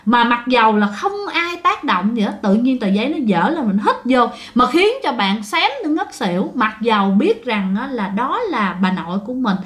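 A woman's voice: a little high, lively intonation, normal speed, hardly any pauses, a bit bright. A woman with a Southern Vietnamese accent, telling ghost stories in a chatty way and often addressing her listeners directly. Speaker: storyteller. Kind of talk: casual ghost story telling.

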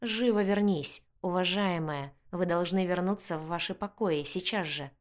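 A woman's voice: on the low side, normal speed, close to an everyday voice. A woman voicing a stern male palace guard who gives urgent commands in a fantasy audiobook. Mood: commanding.

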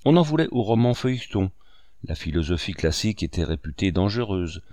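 A man narrating a classic novel in a measured, expressive reading. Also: deep voice, dry recording, clean studio sound. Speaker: audiobook narrator.

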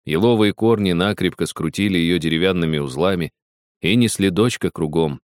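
Man reading a story out loud, deep voice, dry close sound, measured. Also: no echo. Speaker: narrator. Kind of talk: audiobook reading.

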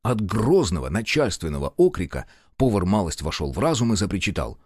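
A man narrating an audiobook in an expressive storytelling manner, voicing all the characters. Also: low-pitched, fairly quick, husky, no echo, clean studio sound. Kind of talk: scripted narration.

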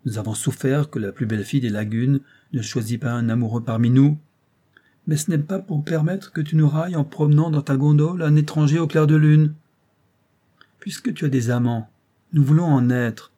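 Male reader doing a swaggering young boatman, taunting, with a dark, husky edge. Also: on the high side, normal speed, pitched above the performer's own voice, close to an everyday voice. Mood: threatening. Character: brash young Venetian gondolier, mocking and threatening.

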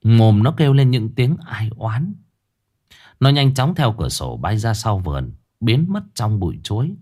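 A man narrating a dramatic horror story with an expressive, swooping delivery. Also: on the low side, unhurried, husky.

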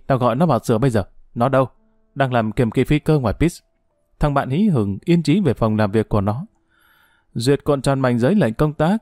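A man narrating a story audiobook in a steady, measured way. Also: mid-range voice, no room sound, studio quality.

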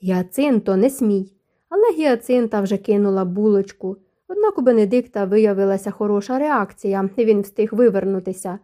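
A woman reads a novel aloud in an even storytelling manner. Her voice is very dark and mellow at a middle pitch. This is scripted audiobook narration. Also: fairly quick.

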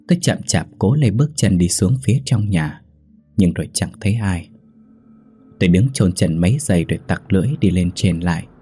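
A man narrating a ghost story in a steady, measured reading. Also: deep voice, breathy edge.

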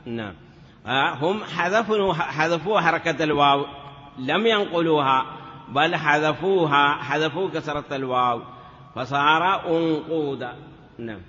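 A teacher of Arabic morphology gives a classroom grammar lecture, chanting word forms in a sing-song drill and saying "yes" between steps. His voice is a little high and sharp at a normal speed, on a dull lo-fi recording with long reverb.

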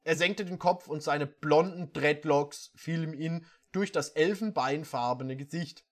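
A reader performing a comedic reading of bad fan fiction, breaking off for sarcastic, deadpan asides. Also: medium pitch, a little slow.

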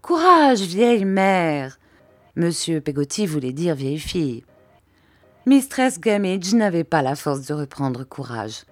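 A woman narrating a classic novel in a measured, expressive reading style. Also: deep voice, no room sound. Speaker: audiobook reader. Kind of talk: storybook narration.

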